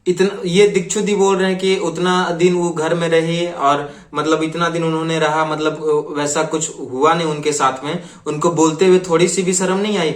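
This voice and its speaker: Brief: high-pitched male reaction host, earnest and preachy, roomy echo. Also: little pitch movement, normal speed, few pauses. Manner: earnest, repetitive, lecturing. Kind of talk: commenting on clips.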